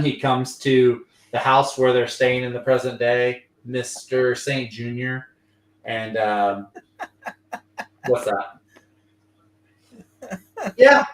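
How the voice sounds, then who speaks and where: A Louisiana man hosts a comic book show, rambling through a recap on a casual livestream with lots of fillers and brief quoted voices. His medium-pitched voice sounds roomy and distant, sitting a bit back from the mic.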